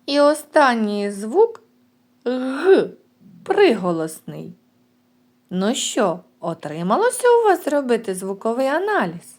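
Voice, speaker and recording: A woman kindergarten teacher giving a recorded lesson to young children, sounding out words slowly and clearly. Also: a little high, wildly swooping pitch, darkish tone.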